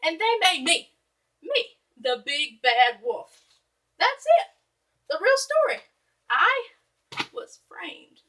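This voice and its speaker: A woman as the animated, aggrieved Big Bad Wolf. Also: extremely high pitch, slow, pauses often, far from the mic, pitched above the performer's own voice, exaggerated voice. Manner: dramatic, exaggerated, indignant asides. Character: male storybook wolf, aggrieved, self-excusing, theatrical narrator. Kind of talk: animated read-aloud storytelling for children.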